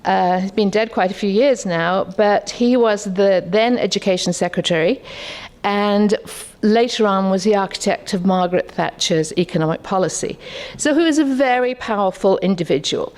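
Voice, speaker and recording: A woman's voice: mid-range voice, normal speed, a little mellow. A woman, speaking as a conference discussant in a conversational, reflective keynote with rhetorical questions. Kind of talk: keynote talk with personal anecdotes.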